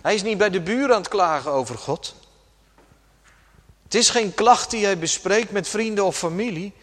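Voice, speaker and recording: A man preaching a sermon slowly and dramatically, dropping suddenly to a hush at times. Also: high voice, lively intonation. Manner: slow, dramatic preaching with sudden soft drops. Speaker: pastor. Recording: long church reverb.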